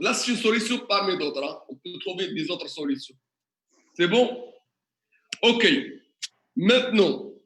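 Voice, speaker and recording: A man's voice: high voice, sharp tone. Male teacher, echoey classroom. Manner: questioning the class, working through examples step by step. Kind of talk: classroom tutorial lesson.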